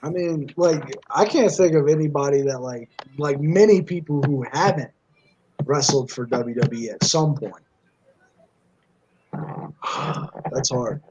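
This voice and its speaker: A man co-hosting a casual wrestling podcast, chatty and lively. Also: on the high side, slow, long pauses, slight background noise. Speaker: podcast co-host. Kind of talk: casual chat. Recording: husky voice on a dull lo-fi mic.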